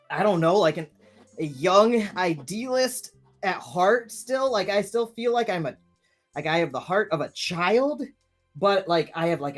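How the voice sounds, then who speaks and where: A man in his thirties hosts a live stream, reading viewer comments and chatting casually, rambling and restarting his sentences often. His voice sits high with a fairly bright tone.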